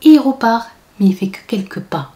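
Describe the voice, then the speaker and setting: Brisk and on the high side, this woman vlogger tells a casual storytime story with animation. Quoted people get their own acted-out voices, and her asides slip into whispers.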